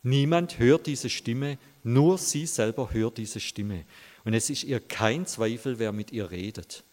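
A man preaching a sermon in an earnest storytelling manner. He speaks to his listeners directly, at a medium pitch. His voice rings with the long reverb of a large church hall. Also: unhurried, a little mellow.

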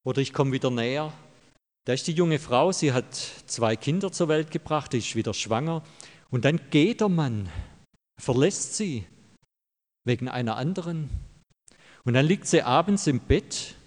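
A man's voice: medium pitch, lively intonation, normal speed, pauses often, darkish tone. A pastor delivering a sermon in a church, emphatic and direct with the congregation, repeating his key phrases. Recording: long hall reverb.

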